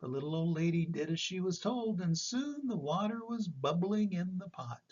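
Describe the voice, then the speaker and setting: Husky, animated grandpa voice reading a story. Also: male voice, sits high, moderate pace. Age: older. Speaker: storyteller reading a picture book. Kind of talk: expressive children's read-aloud. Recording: slightly dull, lo-fi recording.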